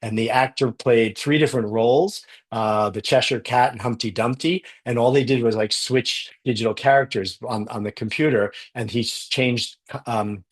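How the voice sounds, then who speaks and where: A man's voice: mid-range voice, fairly even intonation, normal speed, few pauses. A man giving a conference keynote, enthusiastic, often repeating words as he goes. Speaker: conference speaker. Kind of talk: keynote talk.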